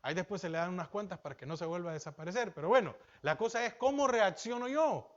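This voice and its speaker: High-voiced Salvadoran pastor preaching. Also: male voice, expressive, fast, muffled recording. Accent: Salvadoran Spanish. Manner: preaching with questions to the congregation, rising emphatic then dropping low. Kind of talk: sermon.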